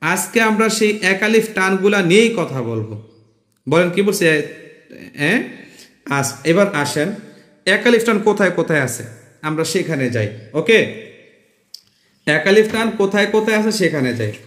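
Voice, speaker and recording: A man teaching the rules of Quran recitation, repeating each rule slowly, stretching syllables and questioning his viewers. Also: sits high, very animated, a bit bright. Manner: asks viewers questions, urges them on. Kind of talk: spoken lesson on Quran reading rules. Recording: echoey room with long reverb.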